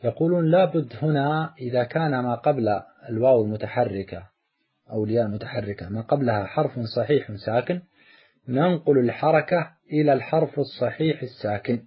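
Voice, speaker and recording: A man teaching a morphology lesson, explaining step by step and slowly drawing out each example word. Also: medium pitch, slightly rough, muffled recording.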